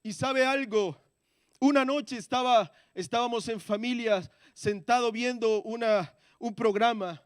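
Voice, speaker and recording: A man giving a testimony in a church sermon, moving between quiet, hushed prayer and loud, impassioned pleas. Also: very high-pitched, a little slow, smooth, no room sound, studio quality.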